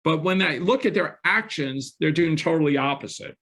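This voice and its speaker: A man's voice: on the high side, normal speed, fairly bright tone. A middle-aged man, a guest on an interview show, telling his own story in an earnest, candid way, often restarting his sentences. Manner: earnest, frequent restarts and self-corrections. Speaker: guest, real estate investor.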